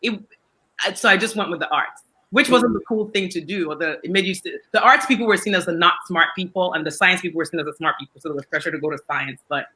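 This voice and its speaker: A woman's voice: lowish voice, fast, bright, forceful tone, poor audio. Chatty, self-mocking woman panelist. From Nigeria. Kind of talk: casual panel chat.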